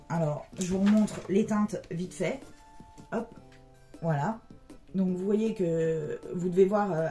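Chatty woman with a mellow voice. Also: on the low side. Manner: chatty, many hesitant "euh" fillers. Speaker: beauty vlogger. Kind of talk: casual makeup product review.

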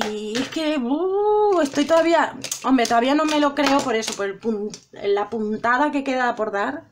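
A middle-aged woman from Spain with a high voice, chatting through a makeup tutorial. She talks straight to her viewers, chatty and self-dramatizing, with a Spanish accent. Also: a little hiss or hum. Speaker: beauty vlogger. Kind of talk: casual makeup tutorial chat.

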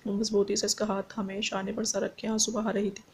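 A woman narrating a romance novel in a steady storytelling voice. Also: medium pitch, fairly quick, creaky, husky. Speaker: audiobook narrator. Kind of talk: novel reading.

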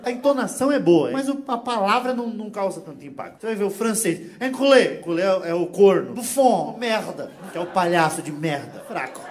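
Man, stand-up comedian, high voice, profane, loud punchlines. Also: expressive, brisk, few pauses. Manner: loud, profane mock insults.

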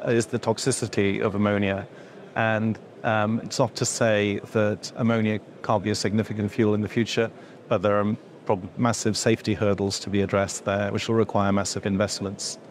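A man's voice: fairly low pitch, flat delivery, normal speed. A middle-aged man, an industry association executive, answering interview questions, with many fillers and restarts as he explains. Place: indoor event room before a logo backdrop.

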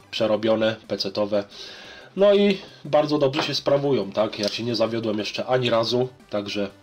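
A Polish man in his thirties, a vlogger giving casual, colloquial, rambling commentary in a small room at home. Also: mid-range voice. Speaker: retro gaming vlogger. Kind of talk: casual chat and gameplay commentary.

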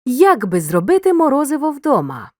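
A woman narrating a scripted grammar lesson as a teacher, giving clear instructions and speaking straight to the learner. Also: high voice, huge pitch swings, normal speed, no echo, clean studio sound. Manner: clear didactic instruction, addresses the learner directly.

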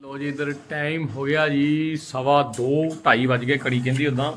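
A man's voice: medium pitch, level tone, normal speed, fairly bright tone, slight background noise. A man hosts a casual family vlog, chatting and politely addressing viewers. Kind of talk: casual home vlog chat. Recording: home vlog with busy background chatter.

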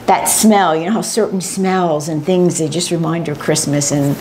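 A woman's voice: sits low, fairly even intonation, normal speed, a little mellow. An older woman demonstrating a family recipe, explaining each step plainly and practically. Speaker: home cook demonstrating a recipe. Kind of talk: casual cooking demonstration.

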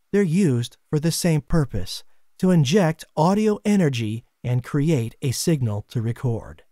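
A man giving scripted documentary narration in a measured, explanatory way, recorded as a voice-over. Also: a little high, darkish tone, dry recording, studio quality.

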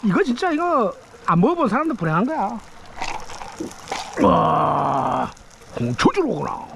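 With big pitch swings, a creaky, fairly bright high voice and a measured pace, a fishing vlogger talks to himself as he eats and fishes. He's on a rocky riverbank outdoors, night and day, exclaiming chattily into a head-mounted action camera. Slight background noise; the narration is casual.

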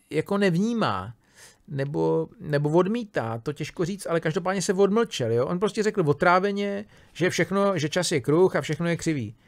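A man with a slightly raised, gravelly voice lectures on philosophy. He thinks aloud in a loose, conversational way, breaking off sentences and checking in with his listeners as he goes. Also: on the high side. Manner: casual, thinking aloud with many fillers, restarts and tag questions. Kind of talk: informal spoken lecture on a philosophy text.

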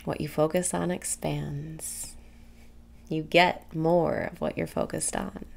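Slow, gravelly-edged woman guiding meditation softly. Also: sits low, little pitch movement. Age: young adult. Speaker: meditation guide. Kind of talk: guided meditation. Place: small room indoors.

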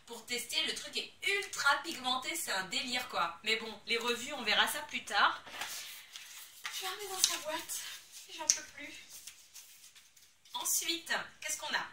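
Une jeune femme à l'français qui déballe des produits de beauté avec enthousiasme, en parlant de façon spontanée et exclamative. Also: female voice, sits high, unhurried, noisy background. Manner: excitable, gushing, exclamations. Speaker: beauty vlogger. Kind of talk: casual unboxing chat. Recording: echoey room, somewhat far from the mic.

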